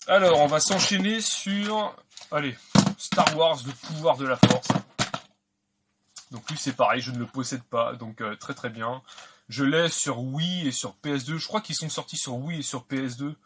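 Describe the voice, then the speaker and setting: A man's voice: mid-range voice, normal speed, background noise. A man casually talking through an unboxing of video games, chatty and hesitant with many fillers. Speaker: video game collector vlogger.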